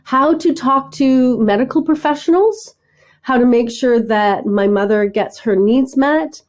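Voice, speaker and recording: Warm higher-voiced middle-aged woman telling stories. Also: a little slow. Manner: animated storyteller, acts out dialogue, frequent "right?". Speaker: podcast guest. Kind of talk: conversational interview.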